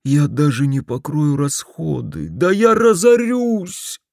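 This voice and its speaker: Storybook part: man reading as a desperate, whining middle-aged stall owner, raised and loud, dry sound. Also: on the high side, big pitch swings, takes it slowly, vocal fry, dry recording, full character voice. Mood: fretful. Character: frantic middle-aged husband, a beach stand owner.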